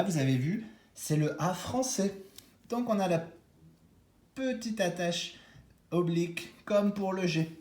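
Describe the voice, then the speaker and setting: A man teaching young children at home, slowly talking them through cursive handwriting step by step and encouraging them. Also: mid-range voice, a little mellow, reverberant. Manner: slow, step-by-step guiding, encouraging. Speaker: kindergarten teacher.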